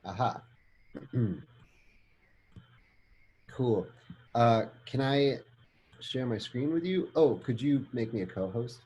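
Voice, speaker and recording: A man with a mellow, relaxed voice of middling pitch. He talks casually, like a guest chatting in an interview. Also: slow pace, pauses often, a little hiss or hum. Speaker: interview guest, film composer. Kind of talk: casual chat.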